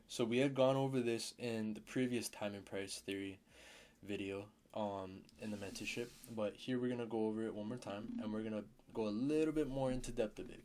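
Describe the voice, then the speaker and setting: A man's voice: lowish voice, darkish tone. A man teaching a casual trading lesson as a mentor, blunt, swearing now and then and repeating key terms.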